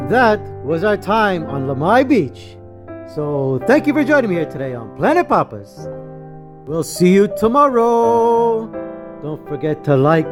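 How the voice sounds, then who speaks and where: Upbeat man vlogging a beach walk. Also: a little high. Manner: upbeat, joking asides. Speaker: travel vlogger. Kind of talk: casual walking tour narration. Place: outdoors on a beach. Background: music.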